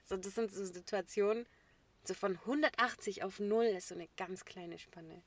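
Young woman, casual co-host chat, animated, slangy, quick to laugh. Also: medium pitch.

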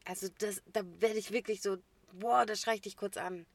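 Animated, slangy young woman. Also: medium pitch, moderate pace, no echo. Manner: animated, slangy, laughs often. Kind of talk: casual chat.

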